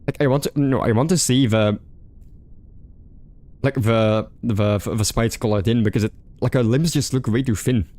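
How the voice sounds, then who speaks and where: A man's voice: mid-range voice, normal speed, a little mellow. A male streamer reading a visual novel aloud, restarting stumbled words and chatting casually about the game. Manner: stumbling rereads, casual fillers.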